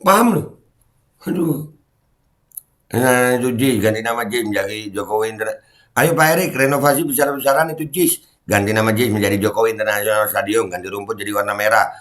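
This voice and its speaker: A middle-aged man, heated and mocking, ranting as a commentary YouTuber and shouting when angry. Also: on the low side, fairly quick.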